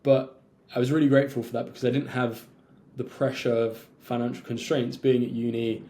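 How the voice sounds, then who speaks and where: A young man from London, an entrepreneur guest on a podcast, telling his story in a fluent, conversational way and now and then clearing his throat. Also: mid-range voice, flat delivery, a little fast, dark tone, slight background noise. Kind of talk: casual interview chat.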